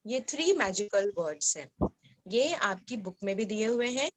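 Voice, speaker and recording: A woman teacher giving an online lesson to young children, explaining gently and asking them questions. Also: medium pitch, expressive, moderate pace, rough recording. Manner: acts out short dialogue lines.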